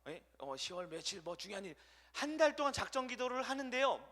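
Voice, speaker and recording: A man's voice: extremely high pitch, big pitch swings, brisk, fairly bright tone. A middle-aged man preaching a sermon as a pastor. He keeps asking the congregation questions, answers them himself, and acts out short voices.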